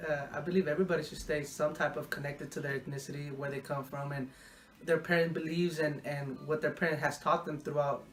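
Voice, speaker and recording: A young man from Mexico answering interview questions in a casual, halting way, often repeating words while he thinks. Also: on the high side, fairly even intonation.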